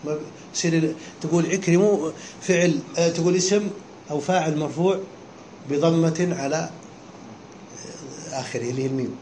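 A man's voice: on the high side, a little fast, long pauses, dark tone. A man teaching a class, explaining a text step by step and often stopping to ask his listeners whether they follow. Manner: keeps checking understanding with short questions. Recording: echoey room with faint background hum.

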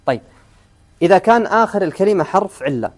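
A man's voice: high voice, big pitch swings, quick pace, a little hiss or hum. A man teaching an Arabic grammar lesson in class, often quizzing his students and repeating key words.

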